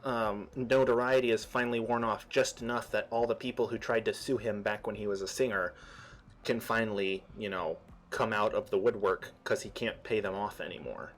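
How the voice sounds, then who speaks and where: A man's voice: lowish voice, fairly even intonation, normal speed. A man chatting casually while streaming a game, rambling through trivia and explanations with frequent restarts. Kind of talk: casual gameplay chat.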